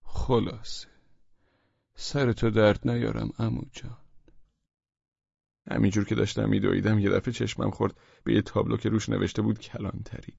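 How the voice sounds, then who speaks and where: A man tells an audiobook tale in a folksy, conversational first person. His voice is gravelly and husky. The recording is dry and somewhat dull. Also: on the low side, flat delivery, pauses often, darkish tone, no room sound. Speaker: audiobook narrator. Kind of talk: first-person storybook narration.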